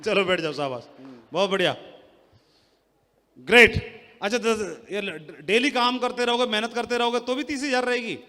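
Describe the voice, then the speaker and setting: A man giving a motivational sales talk on a handheld mic to a live audience, loud and teasing, quizzing the crowd. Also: extremely high pitch, normal speed, pauses often, big-room sound. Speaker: seminar speaker. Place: large hall with an audience.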